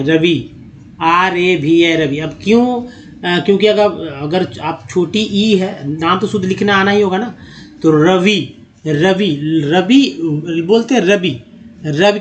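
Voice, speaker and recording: A man teaching, spelling names letter by letter, repeating each word and addressing viewers as friends. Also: sits high. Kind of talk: explaining Hindi-to-English spelling on a board.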